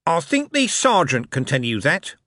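A jittery, scruffy little corporal rushes his words out, eager to please, as a man puts him on. His voice sits higher and swoops widely, heard dry and close. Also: huge pitch swings, a bit bright, no echo. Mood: nervous. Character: nervous scruffy male watch corporal.

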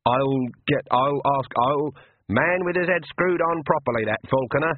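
A blunt, no-nonsense old witch, as a man puts her on, dry and practical. The voice is husky and dry. The sound is narrow and phone-like. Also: fairly high pitch, moderate pace, no echo, voice pushed up, lightly acted.

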